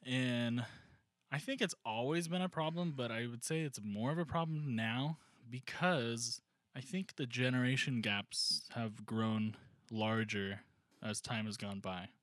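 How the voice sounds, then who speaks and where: A man's voice: mid-range voice, unhurried, fairly bright tone, dry recording. A man co-hosting a comedy podcast in casual chat, rambling and joking with lots of fillers. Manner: rambling, jokey, many fillers. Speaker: podcast co-host.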